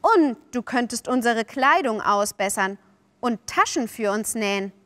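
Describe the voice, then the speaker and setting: A woman's voice: on the high side, animated, measured pace, a bit bright, no room sound. A woman voicing a cocky, sly boy who coaxes and boasts. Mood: coaxing. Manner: boastful, coaxing, offhand.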